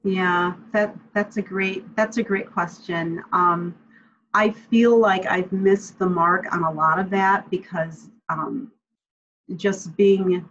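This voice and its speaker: A woman speaking from home on a video call, answering audience questions in a friendly, reflective way with frequent ums. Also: lowish voice. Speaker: guest speaker. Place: home room, indoors. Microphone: webcam on video call. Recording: slightly muffled video-call audio.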